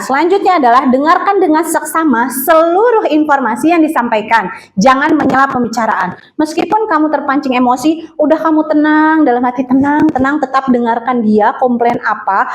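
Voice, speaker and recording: A high-voiced woman leads a classroom lesson on phone manners. She talks in a loose, chatty way, full of fillers, and keeps asking her students questions. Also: rough recording. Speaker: teacher.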